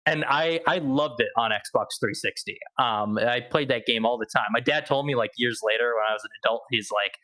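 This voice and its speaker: Young male podcast guest, bright voice, rambling casual chat. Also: medium pitch, a little fast, few pauses, low-quality recording. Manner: chatty, rambling, with fillers and laughs.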